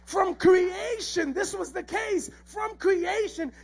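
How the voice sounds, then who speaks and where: A man's voice: very high-pitched, takes it slowly, gravelly. A male pastor, preaching a sermon and acting out the characters' voices as he tells the story.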